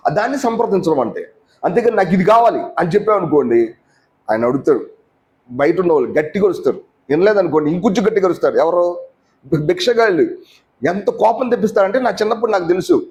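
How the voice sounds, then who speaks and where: A man's voice: high-pitched, animated, fast talker, long pauses, darkish tone. A man preaching a teaching sermon in a conversational way, often asking the listeners questions and mixing in English words.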